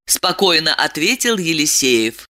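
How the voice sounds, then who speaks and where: A woman narrating a novel in an expressive, dramatic storytelling manner. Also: deep voice, a little slow. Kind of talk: audiobook reading.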